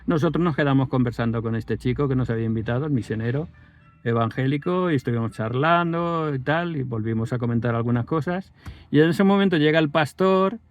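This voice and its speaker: A man's voice: mid-range voice, a little fast, dry recording, faint music behind. A man, telling a personal story in a rambling way with many restarts. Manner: rambling, with self-corrections and fillers. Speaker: vlogger.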